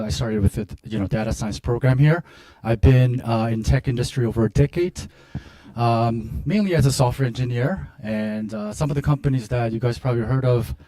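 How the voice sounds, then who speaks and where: A man managing a data science program, casual and halting, with many ums. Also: medium pitch, warm tone, no echo.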